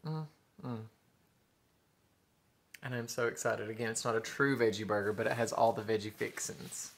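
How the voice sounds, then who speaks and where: A Southern mukbang vlogger in his thirties chats casually through his eating show, addressing viewers as y'all and chewing between remarks. His mid-range voice is bright and forward with vocal fry. He sits in a living room with a sofa and window blinds, captured by a camera in front at table distance.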